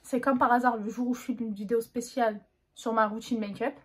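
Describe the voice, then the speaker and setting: A woman's voice: fairly high pitch, steady tone, fairly quick, breathy edge. A young woman chatting casually through a makeup tutorial, slangy and self-mocking. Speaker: beauty vlogger.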